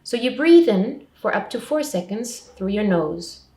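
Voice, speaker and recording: Her voice is medium-pitched and mellow, with lively intonation and a slightly slow delivery. As a support counsellor in a scripted public information talk, she lays out simple advice step by step in short, well-structured sentences, recorded with a distant mic and a roomy echo.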